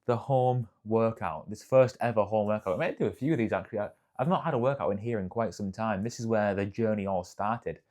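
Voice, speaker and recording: Talking into a clip-on mic, a young fitness vlogger rambles through a casual chat and keeps correcting himself, both beside a busy road and in a cold, echoey garage gym. He speaks fairly quickly with hardly any pauses, in a fairly low, darkish voice.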